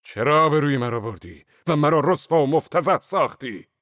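A man voicing a huge, hot-tempered male villager who shouts threats and hisses with rage in an audiobook. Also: on the high side, lively intonation, no room sound, clean studio sound, pitched above the performer's own voice. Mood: raging. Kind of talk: audiobook character voice.

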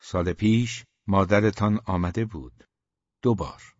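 A man voicing a young woman barber who talks to a man in a gently teasing, direct way, in a dull, dry recording. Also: lowish voice, no room sound, natural voice.

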